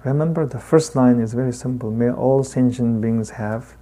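A man with a heavy Tibetan accent, a native Tibetan speaker, giving a Buddhist dharma talk as a teacher in halting, deliberate phrases with long pauses. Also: mid-range voice, mellow.

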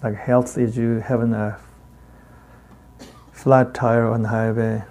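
Male Buddhist teacher, thick Tibetan accent, native Tibetan speaker, unhurried halting delivery, mellow timbre, dharma talk. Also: medium pitch, flat delivery, a little hiss or hum. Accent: heavy Tibetan. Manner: halting, deliberate phrasing with long pauses.

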